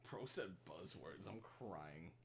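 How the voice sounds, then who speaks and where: Young male reaction streamer, lowish voice that swings widely, slang-heavy, faint room hum. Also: expressive, slow, vocal fry. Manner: slangy, swears, laughs often. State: hiccuping. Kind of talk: casual reaction commentary.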